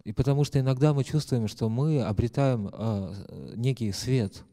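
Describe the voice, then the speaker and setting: A man's voice: medium pitch, normal speed, mellow. A man interpreting a lecture live, hesitant, with many fillers and self-corrections.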